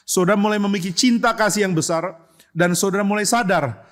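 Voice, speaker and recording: A man preaches an expository sermon at a church service, talking to his congregation in a lively, conversational way. His voice sits a little high, and he often slips into the voices of the people he quotes. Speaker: pastor.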